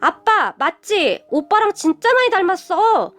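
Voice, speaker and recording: A woman's voice: very high voice, sing-song, measured pace, a bit bright, pitched above the performer's own voice, heavily acted. A woman voicing a carefree younger sister who chatters casually and with amazement in a storybook reading. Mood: chatty.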